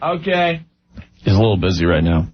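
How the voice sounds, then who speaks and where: A man's voice: fairly low pitch, big pitch swings, a little fast. A man co-hosting a radio show, chatting breezily and deadpanning through a prank phone call. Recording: dull radio aircheck.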